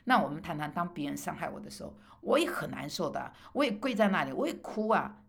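Middle-aged woman preacher, lowish gravelly voice, emphatic rhetorical questions, halting fillers in the story parts. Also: sing-song. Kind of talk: personal sermon testimony.

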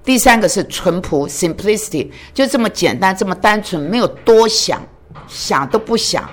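A woman's voice: mid-range voice, lively intonation, moderate pace. A woman preaching a sermon in an earnest way, often putting questions to her listeners. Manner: earnest, asks the listeners many rhetorical questions.

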